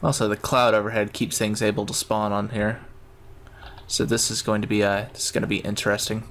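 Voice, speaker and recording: A man's voice: on the low side, little pitch movement, a little fast, fairly bright tone, a little hiss or hum. A man giving casual gameplay commentary, thinking aloud in a rambling way. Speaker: gamer narrating his own play.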